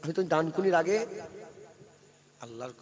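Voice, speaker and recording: A male preacher delivering a sermon at a large gathering, swinging from loud fervent chanting to low confiding asides. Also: animated, normal speed, long reverb tail, crowd noise.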